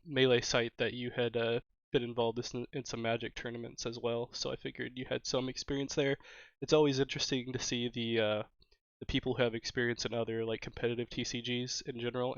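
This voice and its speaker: A man's voice: medium pitch, no echo. A man with a sick, nasal voice hosting an interview in an upbeat way, with many fillers. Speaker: interview host. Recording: dry, dull lo-fi recording.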